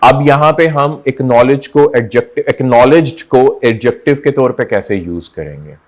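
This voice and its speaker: A male teacher lecturing on English vocabulary, explaining in Hindi and reading English examples slowly and deliberately. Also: mid-range voice. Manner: explains in Urdu-Hindi mixed with slow, drawn-out English examples. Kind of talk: recorded classroom lecture.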